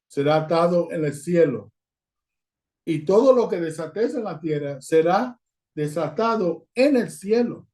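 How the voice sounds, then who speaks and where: A man's voice: high-pitched, warm tone. A man preaching as a guest over a video call, reading Bible passages aloud and speaking directly to the congregation as brothers. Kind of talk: sermon with scripture reading.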